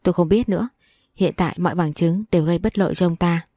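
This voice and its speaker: Level, guarded young husband, read by a woman narrator; low, warm voice. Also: fast, no room sound, clean studio sound. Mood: calm.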